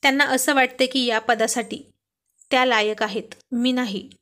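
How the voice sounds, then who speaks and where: A woman's voice: a little high, fairly even intonation, moderate pace, fairly bright tone, close to an everyday voice. A woman voicing a nervous young female office assistant who apologizes and complains.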